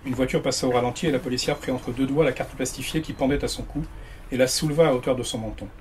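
Fast-reading man narrating a novel. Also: medium pitch, steady tone, a little hiss or hum. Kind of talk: reading novel extracts aloud. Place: bookshop reading before an audience.

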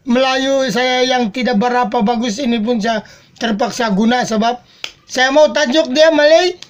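Man, halting commentary. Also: extremely high pitch. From Philippines. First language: Tagalog. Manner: earnest, halting, searching for words. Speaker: reaction video host. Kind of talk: casual commentary.

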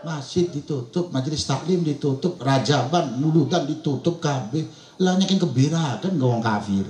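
Comic preacher with a Serang Javanese accent; high, jokey man, miked over echoing speakers at a wedding. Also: lively intonation, moderate pace, a little mellow. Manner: jokey, laughing, acts out villagers. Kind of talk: comic sermon. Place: wedding gathering. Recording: echoey event sound system.

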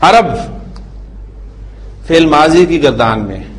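A man teaches Arabic grammar in a slightly raised voice. He drills each word form slowly, syllable by syllable, and keeps checking with the class. Faint background noise sits under the recording. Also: fairly high pitch, lively intonation, rough recording. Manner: asks the class checking questions.

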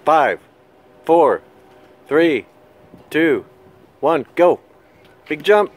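A man's voice: on the high side, lively intonation, extremely slow, slight background noise. A man chatting casually and teasingly, egging others on as he films outdoors on a backyard patio. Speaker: adult filming children at a backyard pool. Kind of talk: casual home-video chat. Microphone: handheld camera, held by the speaker.

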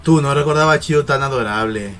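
A man's voice: mid-range voice, quick pace, soft background music. A young man reacting to an anime episode, emotional and full of exclamations. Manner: emotional, exclamatory, swings from shouts to murmurs. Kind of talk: excited reaction commentary.

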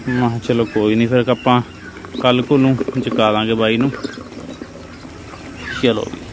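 A young man from India with a Punjabi accent vlogs on his phone at a poultry farm, chatting casually with viewers as if they were friends. His voice is medium in pitch, level in tone and moderately paced. Clucking chickens and other birds make the sheds and yard noisy.

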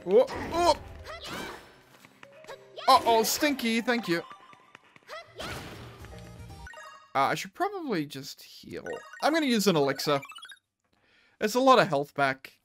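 Video game streamer, very animated pitch, mid-range voice, sweary self-talk, exclamatory, faint music behind. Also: unhurried, long pauses. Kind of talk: gaming commentary, casual and reactive.

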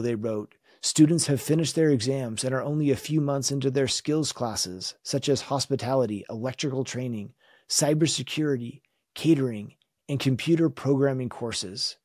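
A man delivers a scripture lesson in an earnest, measured and reflective manner. His voice has a husky edge at a middle pitch. The sound is dry and close, with no room around it. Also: no room sound. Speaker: religion teacher.

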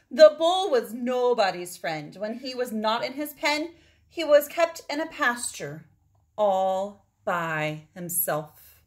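Reading a picture book to kids indoors at home, this forties-aged woman draws out words for effect and speaks to her listeners on the side. Her mid-range voice has a darkish tone and some vocal fry.

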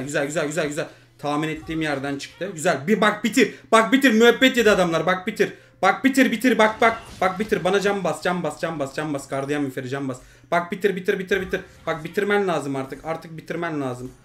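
Man streaming, yelling at teammates. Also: on the high side. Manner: swings from muttering to furious shouting at teammates; swears and scolds teammates. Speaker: mobile game streamer. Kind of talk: live gameplay commentary.

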